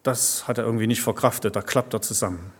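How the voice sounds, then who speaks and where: A man's voice: fairly low pitch, fast, breathy edge. A man preaching a conversational sermon, often tagging his sentences with little questions to the congregation. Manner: peppers speech with tag questions like "ja" and "ne". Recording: long reverb of a large hall.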